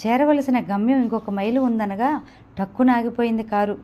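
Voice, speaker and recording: A woman narrating an audio novel in an even storytelling delivery. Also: on the high side, normal speed, lo-fi sound. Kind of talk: scripted narration.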